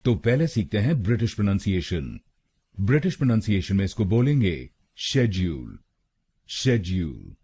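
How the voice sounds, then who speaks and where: A man narrating a scripted pronunciation tutorial, drilling words slowly syllable by syllable. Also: fairly low pitch, warm tone, breathy edge. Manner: slow, deliberate syllable-by-syllable drilling. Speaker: pronunciation teacher.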